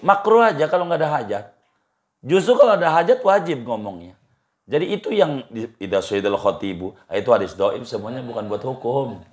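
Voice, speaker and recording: A man leads an informal religious study session. His talk is colloquial and easygoing, looping back over the same points and breaking into chuckles. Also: mid-range voice. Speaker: Islamic cleric answering questions.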